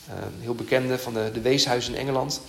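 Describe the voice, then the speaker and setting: A man preaches a sermon in an earnest, halting way, full of fillers and restarts. His voice sits at an ordinary pitch and carries the echo of a roomy church hall, with faint ambient noise underneath. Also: steady tone, gravelly.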